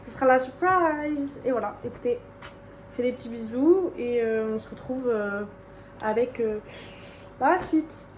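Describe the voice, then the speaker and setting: A young woman chats into her phone at home as she gets ready, rambling and poking fun at herself in slangy, casual talk. Her slightly high voice is soft and mellow. It sounds distant from the mic, in an echoey room with a faint hiss behind. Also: unhurried, long pauses. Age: young adult. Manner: chatty, rambling, self-mocking, slangy. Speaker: vlogger. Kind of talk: casual vlog chat.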